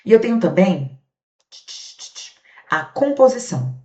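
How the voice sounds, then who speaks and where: Medium-pitched and very animated, this woman speaks a little slowly in a mellow tone with a Brazilian Portuguese accent. Teaching grammar, she asks her own questions, answers them, and casually checks in with students, all captured in a roomy, dull lo-fi recording.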